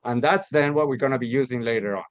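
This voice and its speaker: A man's voice: mid-range voice, quick pace, clear, resonant tone, no room sound. Man from Costa Rica presenting research. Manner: frequent restarts and repeated words, explanatory. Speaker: academic presenter. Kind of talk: research talk.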